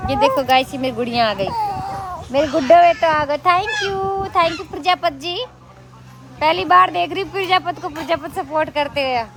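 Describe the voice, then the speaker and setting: A woman chatting on a live stream in a very high, light voice. She greets and thanks viewers one after another and coos to a small child. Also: moderate pace.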